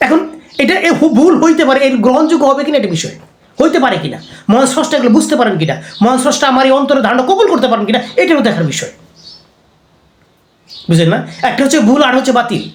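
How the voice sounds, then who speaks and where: Rapid, high-pitched Islamic preacher; conversational lecture full of rhetorical questions; echoey room. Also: sing-song. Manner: conversational, keeps asking listeners rhetorical questions. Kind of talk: religious lecture.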